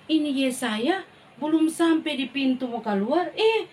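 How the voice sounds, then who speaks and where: A woman with a Manado Malay accent teaching a children's Bible lesson as a Sunday school teacher, animated and often turning to the children. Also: high-pitched, a little slow.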